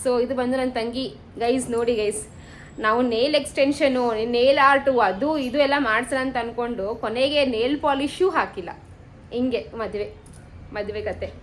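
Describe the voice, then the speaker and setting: A woman's voice: on the high side, normal speed, slight background noise. A young woman vlogging in a casual, chatty way, mixing English words into her talk and coaxing her relatives. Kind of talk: casual vlog chat.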